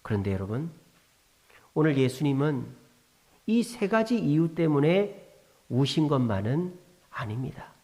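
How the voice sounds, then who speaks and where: Animated male pastor preaching. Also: a little high, measured pace, long pauses. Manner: animated, with rhetorical questions and acted quotes. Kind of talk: sermon.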